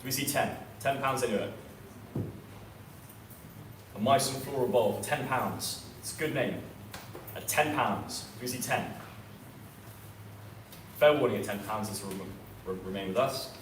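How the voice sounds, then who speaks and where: A man's voice: mid-range voice, moderate pace, long pauses. A man working as an auctioneer, calling live bids with repeated prices and increments. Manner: repetitive chanting of prices and increments. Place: auction sale room, indoors. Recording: echoey room, distant mic, background noise.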